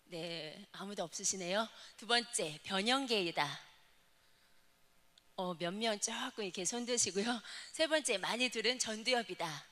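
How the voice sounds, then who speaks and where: A woman's voice: medium pitch, unhurried, bright, forceful tone. A woman deacon giving an explanatory talk to a church audience, asking them questions as she goes. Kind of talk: lecture to a congregation. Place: church worship hall. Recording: long hall reverb.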